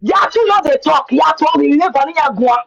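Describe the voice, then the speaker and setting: A woman's voice: high-pitched, expressive, fairly quick, creaky, highs cut off. A woman with a Nigerian accent tells her own story in Nigerian Pidgin, repeating words for emphasis. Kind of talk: personal account in conversation.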